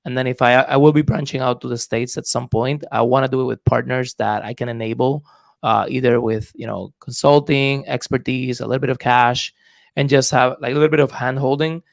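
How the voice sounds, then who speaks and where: A real estate investor from Puerto Rico, speaking with a Puerto Rican accent, is the guest in a casual podcast interview. His medium-pitched voice has vocal fry and a steady tone, and he talks briskly though thoughtfully and hesitantly, with plenty of fillers, with no room sound.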